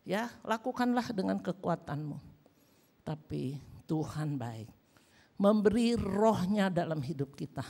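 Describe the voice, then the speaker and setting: Woman pastor with an Indonesian accent; animated, wide-ranging sermon delivery, storytelling. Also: medium pitch. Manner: lively storytelling, acts out dialogue.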